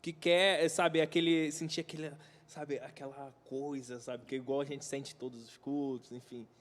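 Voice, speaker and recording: A man's voice: medium pitch, little pitch movement, normal speed, slight background noise. A man hosting a casual church chat, talking hesitantly with many fillers. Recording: long hall reverb.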